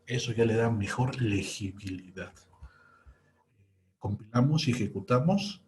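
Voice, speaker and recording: A man's voice: medium pitch, lively intonation, unhurried, darkish tone, a little hiss or hum. A young man, patiently talking through a screen-recorded coding lesson step by step. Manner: patient, walks through each step aloud. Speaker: programming teacher.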